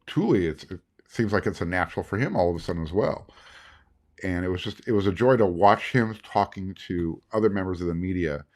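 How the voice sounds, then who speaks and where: A man hosting a sports podcast, recapping in a casual, rambling way with many fillers and restarts. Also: sits low. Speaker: podcast host.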